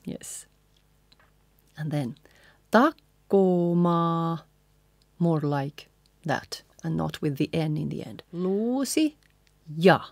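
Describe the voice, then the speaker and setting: A woman's voice: sits low, flat delivery, gravelly, dark tone, husky, no room sound. A woman with a Finnish accent teaching pronunciation, modelling each phrase and asking the listener to repeat it together. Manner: models lines slowly, then has the listener repeat together. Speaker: singing teacher. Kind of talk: pronunciation lesson.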